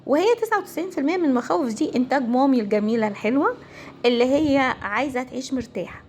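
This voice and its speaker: A woman family counselor with an Egyptian Arabic accent, giving a casual, animated talk to viewers. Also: high voice, slight background noise. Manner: animated, conversational, acts out quoted voices.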